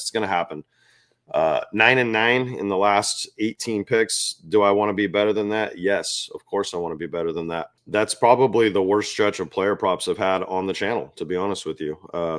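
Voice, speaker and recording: Guy doing betting picks to camera, low-ish voice, loose and chatty, keeps saying guys. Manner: chatty, loose and self-amused, talks straight to viewers as "guys". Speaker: sports betting picks host. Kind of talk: casual talk to camera.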